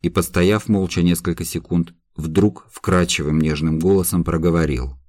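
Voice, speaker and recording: A male audiobook narrator reads classic prose at a measured, somber pace. His voice is extremely low and deep. The recording is dry and close, with no room sound. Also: fairly even intonation, darkish tone, no echo. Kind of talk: scripted literary narration.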